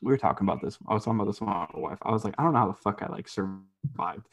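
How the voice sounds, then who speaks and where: A man's voice: fairly low pitch, racing, creaky, fairly bright tone. A young man co-hosting a podcast, telling rambling stories in casual chat, swearing a lot and laughing often. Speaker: podcast co-host.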